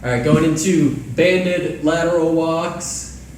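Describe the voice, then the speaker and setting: A man's voice: on the high side, slow pace, darkish tone, slight background noise. Man calling a workout from across an echoey room. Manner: calls out exercise timing between trivia questions. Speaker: workout host asking trivia. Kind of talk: casual chat during a live workout. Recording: echoey room, mic at a distance.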